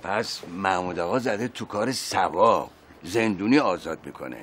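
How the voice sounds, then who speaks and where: A man's voice: deep voice, animated, a bit bright, husky, heavily acted. An actor playing Aziz, a chummy, theatrical middle-aged man in a TV comedy series who scolds a friend for betrayal.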